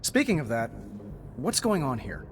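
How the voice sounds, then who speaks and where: A man's voice: medium pitch, huge pitch swings, slight background noise. A man playing a driven, wisecracking superhero inventor in a video game, sardonic and casual. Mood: wry, sincere. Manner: sardonic, casual, quick to quip. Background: music.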